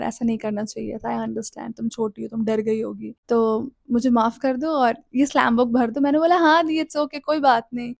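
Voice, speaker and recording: High-voiced woman telling a personal story. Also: dry recording, studio quality. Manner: animated, acts out quoted lines, mixes English phrases. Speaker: storyteller vlogger.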